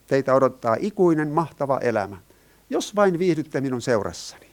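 Guy giving a sermon, middle pitch, keeps asking the crowd questions. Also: very animated. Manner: asks the listeners rhetorical questions, rises and falls in emphasis. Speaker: preacher.

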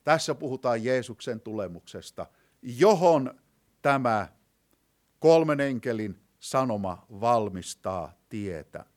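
A man preaching a sermon to a live congregation, asking them rhetorical questions and slowing down to read scripture quotes, swinging from loud declaiming to hushed low passages. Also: animated.

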